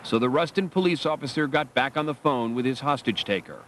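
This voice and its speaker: A man's voice: mid-range voice, animated, a little fast, a bit bright, a little hiss or hum. Male documentary narrator, dramatic delivery.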